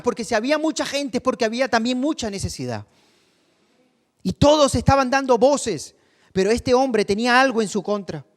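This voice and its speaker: A man delivers a sermon as co-pastor, his voice pitched high for a man. He asks the congregation questions and climbs to loud cries. His words ring out with the long reverb of a large church hall. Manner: preaching with rhetorical questions, voice rising to cries when quoting.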